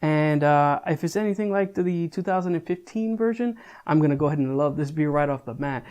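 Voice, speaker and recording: A man's voice: fairly high pitch, a little fast, darkish tone. A young adult man giving a casual, chatty beer review, talking loosely with frequent restarts and casual swearing.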